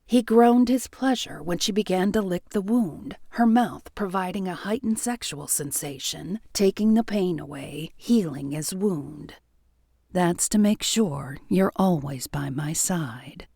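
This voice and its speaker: A woman narrating a romance audiobook in a soft, intimate delivery that often drops near a whisper. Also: mid-range voice, no echo, clean studio sound.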